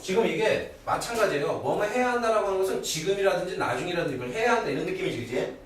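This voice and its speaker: A middle-aged man teaching English grammar in a live classroom lecture. He keeps asking his students quick rhetorical questions to check that they follow. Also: high-pitched, expressive, far from the mic, a little hiss or hum. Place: classroom at a cram school. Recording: echoey room, voice from afar, old video.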